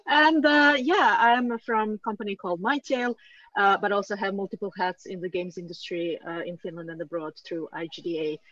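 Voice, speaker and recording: A woman's voice: medium pitch, normal speed, a bit bright, no echo. Cheerful woman on a lo-fi call. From Serbia. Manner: cheerful, laughs easily. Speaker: company lead, panelist.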